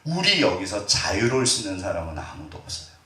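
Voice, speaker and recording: Middle-aged pastor preaching in a roomy church. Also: male voice, low voice, very animated, fairly quick, pushed and bright. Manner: conversational, quizzes the congregation with questions; acts out family members' words in quotes. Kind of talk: sermon. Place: church sanctuary. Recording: roomy sound, distant from mic.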